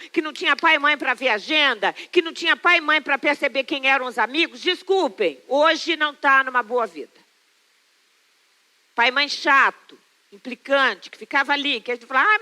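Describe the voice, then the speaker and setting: A middle-aged Brazilian woman pastor delivering a sermon with a high, bright voice. She drives her points home by repeating phrases, then drifts into homely family anecdotes. The tone stays clear and ringing. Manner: emphatic, repeats phrases for stress. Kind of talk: sermon with personal storytelling.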